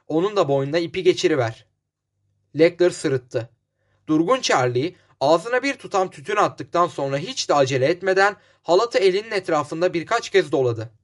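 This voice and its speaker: A man reading a novel aloud in measured scripted narration. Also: on the high side. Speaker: audiobook narrator.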